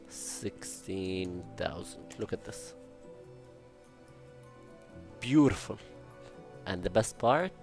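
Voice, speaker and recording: A young man with a gravelly voice hosts a building game channel, muttering to himself, counting blocks and tossing in playful Spanish words. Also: fairly low pitch. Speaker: Minecraft building channel host. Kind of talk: casual gameplay commentary.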